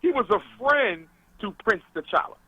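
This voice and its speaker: Animated man on a dull call-in line. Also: sits high, normal speed, breathy edge. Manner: animated, lecturing, emphatic. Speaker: guest on a talk radio show.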